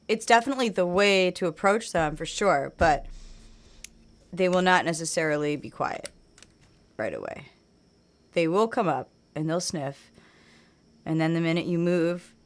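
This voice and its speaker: A woman chatting casually while she plays a game, rambling on and trailing off into quiet mutters as she focuses. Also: lowish voice. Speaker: game streamer.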